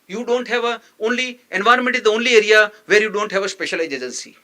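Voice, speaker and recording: A man speaks as a professor in a lecture hall. His voice is high for a man and has a bright, forceful edge. He lectures emphatically and partly off the cuff, repeating key phrases and posing rhetorical questions. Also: quick pace. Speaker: professor giving a memorial lecture.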